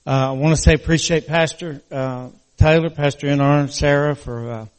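Older male preacher, West Virginia native, voice a touch high, mildly slurred from a stiff mouth, sincere and halting. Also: fairly even intonation, big-room sound, poor audio. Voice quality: slightly slurred crooked-mouth articulation after mouth surgery. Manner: earnest, halting, folksy. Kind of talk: church sermon.

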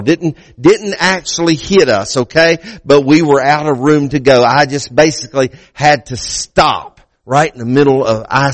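A man's voice: a little high, no room sound. A man preaching a sermon as pastor in a church, building emphasis with repeated phrases. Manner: preaching with rising emphasis and repetitions.

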